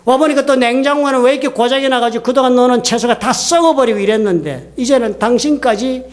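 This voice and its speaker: A man's voice: extremely high pitch, fast. A man voicing a tearful, exasperated wife who pours out her complaints about a bad day. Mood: upset.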